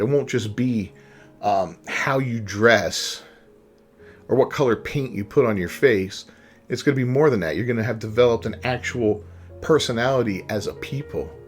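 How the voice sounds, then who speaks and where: Rambling male gaming commentator. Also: mid-range voice. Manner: rambling, keeps asking "right?" and "you know". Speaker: gaming channel host. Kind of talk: casual opinion commentary.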